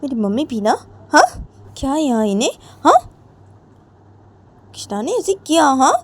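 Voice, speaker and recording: A woman voicing an angry, defiant young wife who fires back indignant questions in a shrill voice. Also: lively intonation, moderate pace, darkish tone. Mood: resentful. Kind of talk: amateur storytelling with acted voices.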